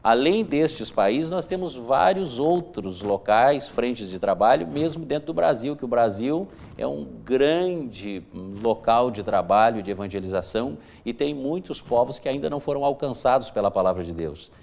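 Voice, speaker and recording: A man's voice: medium pitch, expressive, normal speed, gravelly, few pauses, darkish tone. A pastor, explaining his church's mission work earnestly, as a guest on a televised church interview. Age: 40s.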